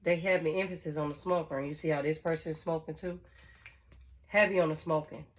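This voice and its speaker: A woman with a notably low voice reads tarot in a loose, conversational way. She talks bluntly and swears without hesitation. She circles back over her own phrases and keeps checking in with her listener. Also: a little mellow. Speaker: tarot reader. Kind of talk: casual tarot reading to viewers.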